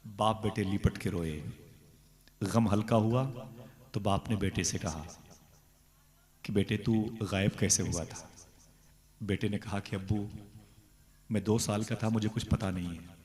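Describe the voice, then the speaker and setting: A low-pitched male preacher narrates a devotional story with lively energy, slipping into the characters' voices and turning to his listeners with questions. His voice carries the long reverb of a large gathering hall. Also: unhurried, pauses often. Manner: animated, acts out dialogue, questions the audience. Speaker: religious speaker at a devotional gathering. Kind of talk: sermon storytelling.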